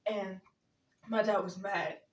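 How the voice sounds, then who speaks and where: A woman's voice: medium pitch, steady tone, slow. A woman telling a funny story as a vlogger, giggling often and rambling with lots of fillers. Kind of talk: casual storytime. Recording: roomy echo, mic at a distance.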